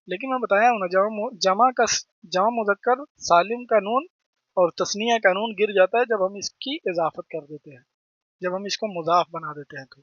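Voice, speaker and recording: Brief: man with a delivery, high voice, teaching grammar with a dry, dull lo-fi sound. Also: a bit bright, no room sound. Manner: repeats terms, asks and answers own questions. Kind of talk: explaining grammar lesson.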